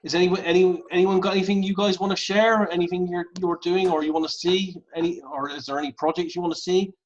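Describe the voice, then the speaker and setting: A man hosting a casual group video call, speaking in a halting way and repeating words as he thinks aloud. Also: high-pitched, steady tone. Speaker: host. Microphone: video call mic. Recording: dull lo-fi video call audio.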